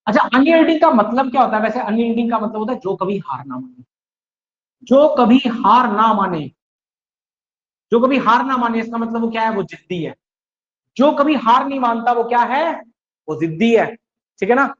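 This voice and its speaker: Male online tutor, high-pitched, drills words by call and response, muffled recording. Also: animated, moderate pace, pauses often, fairly bright tone. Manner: drills students with repeated questions and answers; mixes English words into Hindi explanations. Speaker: English vocabulary teacher. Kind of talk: online exam-prep class.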